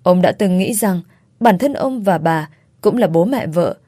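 A woman narrating a first-person family story in a steady, plain reading voice. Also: lowish voice, measured pace, no echo, clean studio sound.

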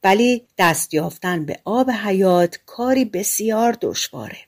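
A woman's voice: mid-range voice, lively intonation, a little mellow. A woman voicing a wise old man in a fairy-tale audiobook, speaking in a grave, advising way.

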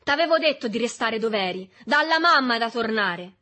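A woman's voice: a little high, expressive, normal speed, voice pushed up. Woman playing a raging teenage boy bully. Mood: furious. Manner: shouting in violent rage. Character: furious freckled teenage boy, sobbing bully.

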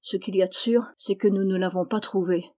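A woman voicing an exhausted, tender man stranded in the desert, speaking gently and wearily in an audiobook. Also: medium pitch, steady tone, brisk, lightly acted. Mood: weary. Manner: gentle, weary, subdued. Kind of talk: audiobook reading.

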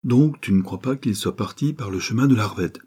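A man reading as a kindly older priest, gentle and questioning. His voice is low and mellow with a husky edge, in a spoken story. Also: a little fast.

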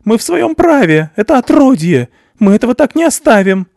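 A man voicing a furious middle-class mother in an audiobook, shouting shrilly. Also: very high-pitched, big pitch swings, normal speed, no echo, studio quality, pitched above the performer's own voice, exaggerated voice. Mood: shrieking.

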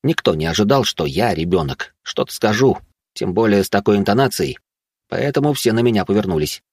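A man reading a first-person audiobook with a low, husky voice. His storytelling is terse and heated, and the dry, close sound has no room around it. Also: animated, brisk, a little mellow, no room sound. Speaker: narrator.

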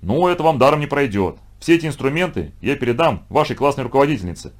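A man's voice: animated, fast talker, lightly acted. Man voicing a stern old schoolteacher. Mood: booming. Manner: scolding, booming. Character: stern, fussy older male math teacher.

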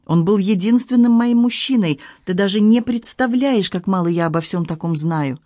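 Reader doing a tearful widow in her late thirties, frightened and pleading, storybook dialogue, mid-pitched, dry close sound. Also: moderate pace, warm tone, no room sound, close to an everyday voice. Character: distraught young widowed woman, frightened and ashamed. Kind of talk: audiobook reading.

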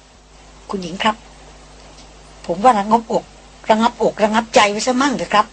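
Brief: a shaken, deferential man voiced by a woman, quiet, quavering, husky. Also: fairly high pitch, moderate pace. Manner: trembling, deferential speech. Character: shaken, polite man, frightened and pale.

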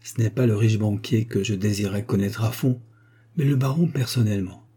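A man's voice: lowish voice, steady tone, dark tone, slightly rough. A man doing a shrewd businesslike lawyer. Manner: measured and businesslike. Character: shrewd male lawyer on a secret errand. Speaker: character in an audiobook.

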